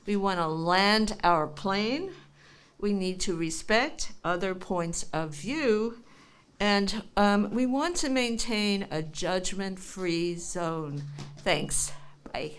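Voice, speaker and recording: A woman's voice: mid-range voice, expressive, slow pace, clear, resonant tone. A woman at a community meeting reading out group guidelines.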